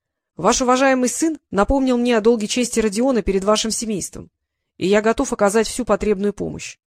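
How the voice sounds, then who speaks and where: A woman reading an audiobook story in an even storytelling manner. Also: a little high, a little fast, no echo, clean studio sound. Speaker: narrator. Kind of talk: audiobook narration.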